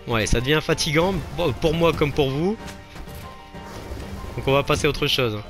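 A man's voice: on the high side, moderate pace, fairly bright tone, soft background music. Self-mocking French-speaking man narrating gameplay. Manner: self-mocking, exclaims and laughs at his own failures. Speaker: let's play host. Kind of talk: gameplay commentary.

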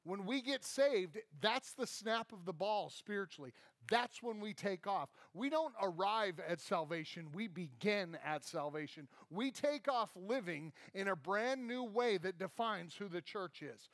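On the stage of a large indoor church hall, a pastor in his thirties paces and gestures as he preaches. His voice is high for a man, and the recording is dry and close with little echo.

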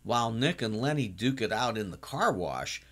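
An older man talks through a TV episode in a relaxed, chatty recap, and his mid-range voice rises and falls a lot. He now and then bursts into animated exclamations, and the whole thing sounds casual and personal rather than scripted. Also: medium pitch, normal speed. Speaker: TV series reviewer.

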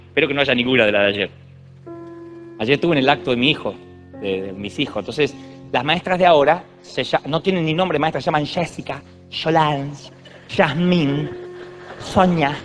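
A man's voice: on the high side, a bit bright. A man in his thirties with an Argentine accent, giving a humorous, digressive sermon full of stories. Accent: Argentine Spanish. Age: 30s. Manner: storytelling, digressive, jokey. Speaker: preacher.

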